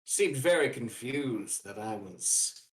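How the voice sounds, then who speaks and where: A man doing a slow-talking bird familiar. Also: medium pitch, expressive, far from the mic, slight background noise. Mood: earnest. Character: small talking bird familiar, loyal and dim.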